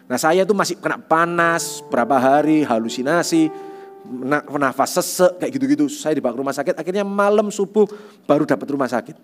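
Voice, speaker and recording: A man preaching a sermon as youth pastor, telling a personal testimony with lively storytelling and frequent tag phrases. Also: a little high, a little fast, soft background music.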